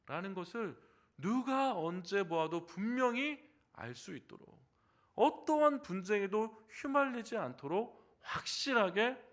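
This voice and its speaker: A man preaching a Wednesday evening sermon as pastor in a church, animated, with rhetorical questions and humorous stories, dropping from loud emphasis to soft low asides. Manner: humorous storytelling. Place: church sanctuary.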